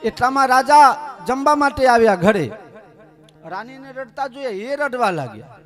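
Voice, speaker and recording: A man's voice: extremely high pitch, sing-song, normal speed, fairly bright tone, soft background music. A man from Gujarat preaching a devotional scripture story, with humorous asides to the audience. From Gujarat, India. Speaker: katha preacher.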